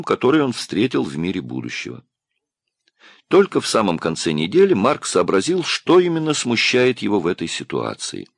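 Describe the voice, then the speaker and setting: A man narrating a science fiction audiobook with expressive storytelling. His voice is low and gravelly, with a lively, rising and falling pitch. The sound is dry and close. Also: dry recording. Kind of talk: scripted narration.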